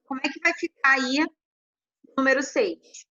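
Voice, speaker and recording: Woman, English tutor on a video call; sharp, high, patient, spells things out. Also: unhurried, dull audio. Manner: patient, fills blanks with sung "tananã", spells letters. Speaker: English teacher. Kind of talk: online class tutoring.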